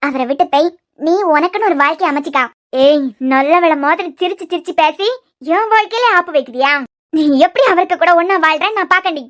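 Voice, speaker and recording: Woman for quarrelsome young cartoon women, Kanyakumari Tamil accent, very high and fast, reproachful. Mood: angry. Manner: heated, reproachful arguing. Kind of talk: cartoon dialogue acting.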